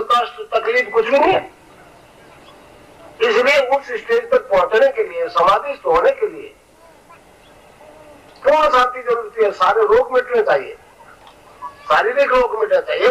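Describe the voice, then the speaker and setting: A guru delivers a spiritual discourse in a very high, ringing male voice. He talks plainly and with emphasis, going back over his own phrases. The recording is distant, as if the mic sat well away from him. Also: sharp tone.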